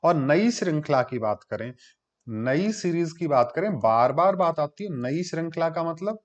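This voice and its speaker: A man's voice: a little high, animated, measured pace. A man giving a classroom lecture, explaining step by step and answering his own questions. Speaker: teacher. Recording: dull lo-fi recording.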